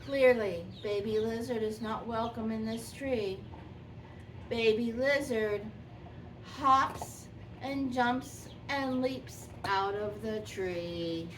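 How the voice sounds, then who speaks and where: A woman voicing a sweet, gentle old granny who tells a children's story expressively, lingering on and repeating words. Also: a little high, slow. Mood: gentle, unhurried. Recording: distant microphone, faint background noise.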